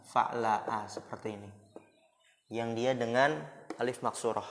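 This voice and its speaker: An Islamic school teacher with a mid-range, steady voice teaches Arabic grammar at a measured pace in a boarding school classroom. He keeps it casual with rhetorical questions and jokes, and the recording carries a long hall reverb.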